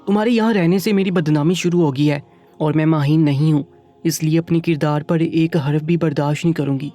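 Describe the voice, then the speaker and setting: A man voicing a proud, bitter young widowed mother in a storybook reading, with sharp, scornful retorts. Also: on the high side, steady tone, faint music behind, close to an everyday voice.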